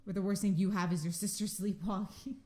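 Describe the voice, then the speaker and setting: A woman's voice: medium pitch, fairly even intonation, fairly quick, warm tone, reverberant. A woman co-hosting a podcast, chatting casually with dry, teasing banter. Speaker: podcast co-host. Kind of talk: casual chat.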